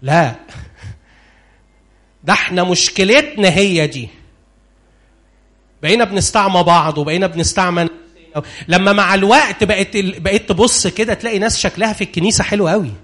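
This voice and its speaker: An Egyptian preacher delivers a sermon in a high, lively voice, throwing questions out to his listeners and pressing for answers aloud. He shifts between urgent appeals and quiet, low asides. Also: fairly quick, pauses often. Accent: Egyptian Arabic. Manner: animated, questioning the congregation.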